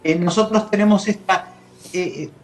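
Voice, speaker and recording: A woman with an Argentine accent speaking as a grief specialist in an interview, measured and reflective, pausing to find her words. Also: mid-range voice. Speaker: grief specialist guest on a talk show. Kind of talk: explanatory interview talk.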